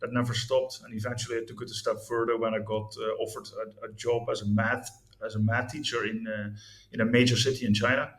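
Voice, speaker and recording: In an echoey room, a man in his fifties from the Netherlands speaks candidly about his life in an interview. He talks fast at a medium pitch with little pitch movement, yet sounds hesitant, full of fillers and restarts.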